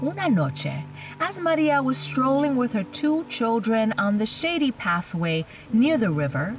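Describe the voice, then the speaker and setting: A woman in the role of a horror host, narrating a spooky story with theatrical, drawn-out suspense. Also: a little high, big pitch swings, distant mic. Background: music.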